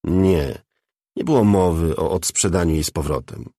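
A man playing a calm, cold crime boss. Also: sits low, normal speed, no room sound, clean studio sound. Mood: detached. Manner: calm, detached, swearing.

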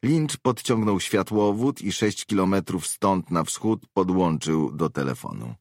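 A man voicing a tough female mercenary who reports in a brisk, matter-of-fact way, in an audiobook. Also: sits low, lively intonation, darkish tone, no echo, clean studio sound, pitched above the performer's own voice. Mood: businesslike.

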